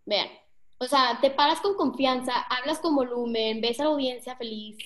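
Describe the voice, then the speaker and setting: A woman's voice: sits high, moderate pace, a bit bright. Chatty young Mexican woman coaching. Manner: chatty, slangy, addresses the audience directly. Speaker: public speaking coach. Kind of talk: casual online workshop talk.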